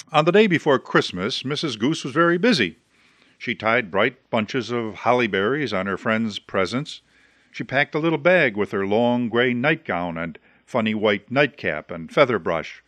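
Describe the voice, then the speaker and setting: A man reading a children's story aloud in a gentle, expressive way. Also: medium pitch, dry recording. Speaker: storybook reader.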